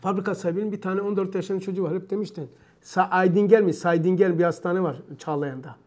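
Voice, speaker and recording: A male religious teacher with a high voice. He tells anecdotes with emphatic, animated delivery and drives points home by repetition. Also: quick pace. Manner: animated, emphatic retelling with repeated phrases. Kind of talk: storytelling lesson.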